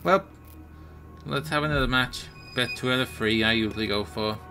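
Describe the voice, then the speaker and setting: A man's voice: mid-range voice, normal speed, bright, forceful tone. A man casually commentating on a fighting game he is playing, self-deprecating and exclaiming in surprise at each moment. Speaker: gaming channel host. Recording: game music playing behind.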